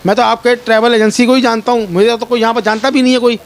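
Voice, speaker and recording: With an extremely high pitch and a flat delivery, a Pakistani man rushes through the story of his ordeal for a reporter. He is distressed, pleading, and frequently repeats himself.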